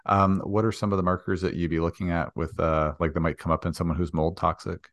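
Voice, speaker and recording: A man's voice: deep voice, level tone, fast, no echo. A man hosting an interview who asks loose, friendly questions with fillers. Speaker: interview host.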